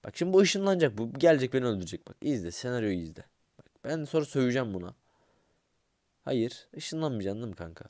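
A young man giving casual gameplay commentary, excitable and grumbling, swearing under his breath and talking straight to his viewers. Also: mid-range voice, quick pace, no echo, studio quality. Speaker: gaming YouTuber.

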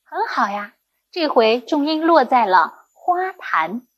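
A woman's voice: sits high, very animated, takes it slowly, dull audio. A woman primary school teacher giving a recorded lesson to young children, speaking in a patient, encouraging way.

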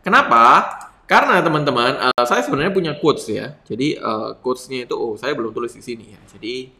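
A young man talks viewers through a lesson in a relaxed, conversational way and keeps checking in with them. His voice is bright and forward. The room around him has a noticeable echo. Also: medium pitch. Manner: conversational teaching, addresses viewers as friends, many fillers. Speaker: copywriting instructor. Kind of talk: online lesson with slides.

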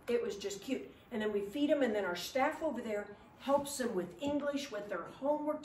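A woman's voice: fairly high pitch, a little mellow. A middle-aged woman giving an earnest, encouraging chapel talk to children. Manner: earnest, encouraging, gesturing while speaking. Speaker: ministry speaker at school chapel. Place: living room, indoors. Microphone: far camera. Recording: roomy, distant camera audio with faint noise.

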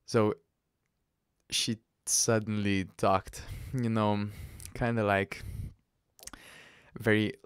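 A man hosting a podcast, telling a personal story in a halting, casual way with restarts and soft laughs. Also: fairly low pitch, little pitch movement, clean tone, no room sound, clean studio sound. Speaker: podcast host.

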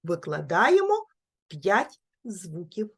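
A woman teaching a speech-sound lesson to small children, praising them and repeating each word slowly and clearly. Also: fairly low pitch, huge pitch swings. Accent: Ukrainian. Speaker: preschool teacher.

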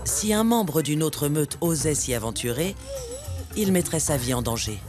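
A man narrates a nature documentary in a fairly high voice. His scripted delivery is measured and told like a dramatic story. Music plays clearly underneath him. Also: animated. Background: background music, animal sounds.

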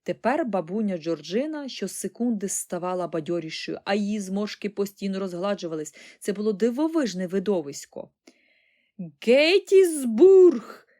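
Female audiobook narrator, calm and expressive, steady storybook delivery. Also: mid-range voice, fairly quick, few pauses. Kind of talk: scripted narration.

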